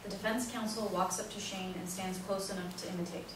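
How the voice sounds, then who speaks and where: Reading the stage directions at a play reading, a woman speaks fairly quickly in a medium pitch with fairly even intonation. Her voice comes through a distant mic in a very echoey indoor room, with noise throughout.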